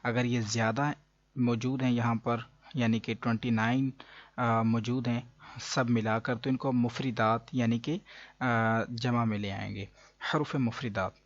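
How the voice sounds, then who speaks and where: Man, Pakistani Urdu accent, patient teacher, slow repeated letters, dull dry recording. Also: medium pitch, steady tone, no echo. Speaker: Quran reading teacher. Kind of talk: explanatory lesson.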